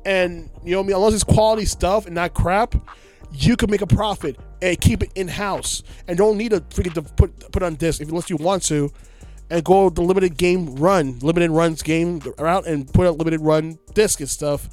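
Soft background music accompanies this man, whose voice sits high and moves at normal speed. As a podcast co-host he rants animatedly in casual conversation, occasionally mocking voices mid-rant.

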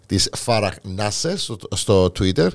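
A man with a Greek Cypriot accent co-hosting a show, telling news in a casual, halting, colloquial way. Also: fairly low pitch, lively intonation. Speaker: co-host of a comic news show. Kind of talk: casual news chat and banter.

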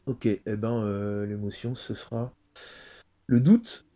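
A man's voice: fairly low pitch, fairly even intonation, slow, mellow, highs cut off. A man being interviewed as a guest improviser, thinking aloud with many restarts. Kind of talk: casual interview chat.

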